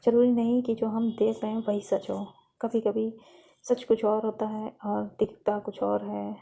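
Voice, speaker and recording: A woman narrating a romantic story episode in a plain, unhurried retelling. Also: medium pitch, level tone, vocal fry, dark tone.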